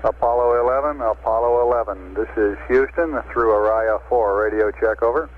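A man at mission control speaks through a radio transmission in clipped procedure, pausing on uh between phrases. His voice sits in a middle range. It comes across narrow and tinny, with a faint layer of static underneath. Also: mid-range voice. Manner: clipped radio protocol, frequent uh pauses.

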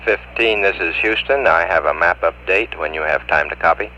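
A man's voice: low-pitched, normal speed, pushed and bright, slight background noise, rough recording. A man at mission control calling a crew over a radio transmission in clipped, procedural radio talk. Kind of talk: terse radio callout.

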